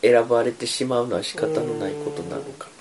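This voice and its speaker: A man's voice: mid-range voice, fairly even intonation, brisk, noisy background. A man with a Kansai Japanese accent in a casual round-table podcast chat. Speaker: podcast panelist.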